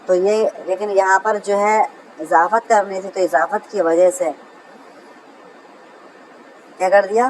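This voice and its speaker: A man teaching Arabic grammar in a lecture, who keeps calling his listeners brother, reads example sentences slowly and answers his own questions. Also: high-pitched, steady tone, a little hiss or hum, rough recording. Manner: asks a question and answers it himself. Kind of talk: classroom lecture.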